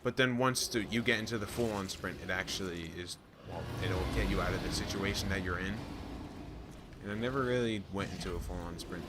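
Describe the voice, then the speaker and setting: A man talks through a video game run in a loose, rambling way, stopping and restarting his thoughts. His voice sits fairly low. Clear noise from the game plays under him. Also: a little fast. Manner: rambling, with restarts and self-deprecating asides. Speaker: gameplay commentator. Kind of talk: casual let's-play commentary. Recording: commentary over noisy game audio.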